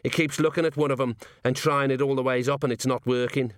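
A man's voice: medium pitch, fairly even intonation, fast, dry recording, studio quality, lightly acted. A man voicing a tiny, cocky male gnome rat catcher, breezy and matter-of-fact. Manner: cheerful, matter-of-fact, laconic.

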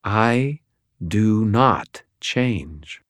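Guy doing a cold ancient fallen angel lady, formal and snooty, kinda high, dry close sound. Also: expressive, fairly bright tone, no echo, full character voice. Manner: formal, measured, disdainful.

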